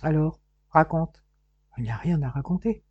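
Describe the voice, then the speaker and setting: A woman reading the part of a reserved, smitten young man who confides quietly and reluctantly. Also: low-pitched, moderate pace, breathy edge, dry recording. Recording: dull, muffled dry recording.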